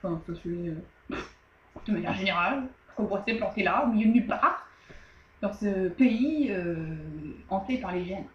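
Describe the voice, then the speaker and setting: A woman's voice: medium pitch, lively intonation, moderate pace, echoey room, lo-fi sound, slight background noise, close to an everyday voice. Woman doing a rambling, puzzled old sheikh. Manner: rambling, searching for words.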